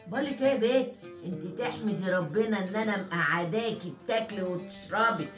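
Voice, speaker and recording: A woman's voice: medium pitch, a little fast, distant mic, lightly acted. A woman with an Egyptian accent playing a bossy, belittling mother-in-law in a comedy sketch. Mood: scornful. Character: harsh scolding Egyptian mother-in-law, middle-aged. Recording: echoey room with music behind.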